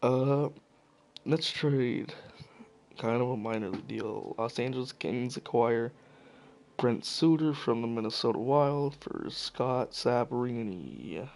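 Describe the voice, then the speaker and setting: A hockey video commentator gives casual solo commentary on the news, offhand and profane, stumbling over names now and then. His middle-pitched voice is gravelly, worn and a little mellow, sounding as though it is slowly giving out, and there is a slight hiss or hum on the recording.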